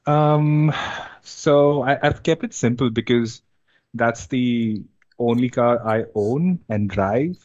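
Relaxed hesitant man from India, dark voice. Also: medium pitch, slow, no echo, highs cut off. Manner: relaxed, hesitant, many fillers and restarts. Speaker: interview guest, amateur drifter. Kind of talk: casual interview chat.

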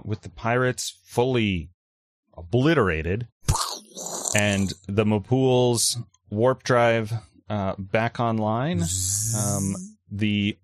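A man running a tabletop role-playing game, narrating the action in a halting, improvised way. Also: mid-range voice, dry recording, clean studio sound. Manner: halting, hesitant delivery. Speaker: game master.

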